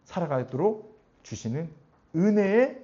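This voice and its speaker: A man preaching a sermon as pastor, animated and often putting questions to his congregation. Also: sits high, unhurried. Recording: dull lo-fi recording.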